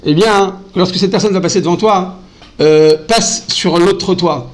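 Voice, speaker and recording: A man giving an animated Torah class, often calling out to his listeners and mixing in Hebrew terms. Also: sits high, unhurried, poor audio. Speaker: rabbi teaching a Torah class. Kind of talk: lively Torah lesson.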